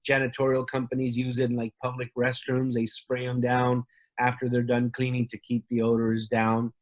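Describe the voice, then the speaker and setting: Man from Argentina, halting and chatty. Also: mid-range voice, completely flat delivery. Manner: hesitant, many fillers and restarts. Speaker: company representative. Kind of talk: casual interview talk.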